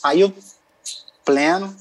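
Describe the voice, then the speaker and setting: A man's voice: on the high side, slow pace, low-quality recording. A young man, a singer, telling stories casually as an interview guest, laughing often. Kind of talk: casual storytelling.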